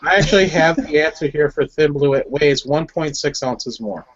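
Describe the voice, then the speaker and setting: A man's voice: on the high side, moderate pace. Chatty Wisconsin man on a lo-fi podcast. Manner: chatty, laughs, trips over words. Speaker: host. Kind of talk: casual group podcast chat. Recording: dull lo-fi audio.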